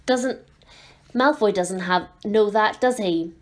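A woman's voice: medium pitch, takes it slowly, darkish tone, natural voice. A woman reading aloud and voicing an earnest, determined young schoolboy.

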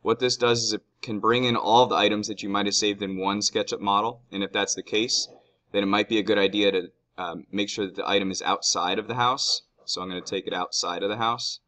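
A man teaching, calmly walking students step by step through a screen-recorded software tutorial at his computer. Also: on the low side, a little fast. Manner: calm step-by-step explaining.

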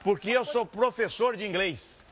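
A man's voice: high-pitched, moderate pace, crowd noise. A man playing a prank in a hidden-camera bit, posing as a teacher and coaxing his target with teasing, mock-patient talk.

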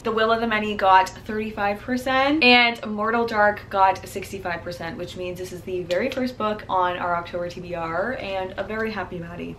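Young woman vlogger, chatty and self-mocking, clear bright voice, faint room hiss behind. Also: mid-range voice. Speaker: booktuber. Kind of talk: casual chat to camera.

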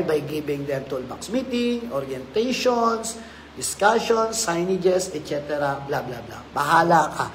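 A man with a Filipino accent, high-pitched for a man, lectures a room as a safety officer. He swings between loud emphatic lines and low, quiet asides, mixing Filipino and English. A faint hiss of noise sits under the recording. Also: rough recording. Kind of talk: safety training talk.

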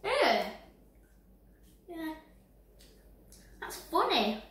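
A woman's voice: very high voice, sing-song, very slow, a bit bright, distant mic. A woman, talking while chewing and hesitantly searching for words during a taste test. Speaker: taste tester. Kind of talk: casual home video. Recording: echoey room.

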